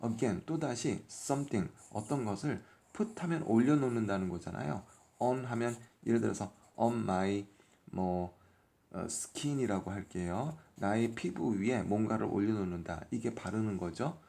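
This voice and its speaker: A man's voice: on the low side, animated, measured pace, creaky, mellow. A man teaching English phonics from a workbook, patiently sounding out each letter and explaining the meaning of each word. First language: Korean. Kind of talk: workbook lesson explained step by step.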